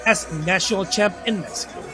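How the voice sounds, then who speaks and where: A man calling a live MMA fight as play-by-play commentator, in an emphatic, excitable delivery. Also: sits high, brisk. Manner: emphatic, excitable, short clipped calls. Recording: live broadcast over music and crowd. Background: music and crowd.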